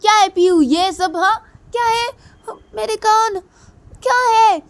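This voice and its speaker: A woman voicing an indignant young woman who scolds in shrill, rapid questions. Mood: angry.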